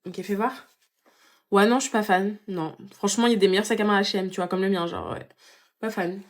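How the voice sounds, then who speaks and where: A young woman talks her way through comic sketches, chatty and sarcastic, with fillers everywhere. Her voice sits at an ordinary middle pitch. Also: fairly even intonation, fairly quick. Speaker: comedy skit creator. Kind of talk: comedic sketch monologue playing all parts.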